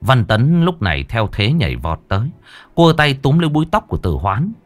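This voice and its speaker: A man narrating a ghost story with dramatic, expressive pacing. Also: mid-range voice, moderate pace, no echo. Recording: dry close voice over faint music.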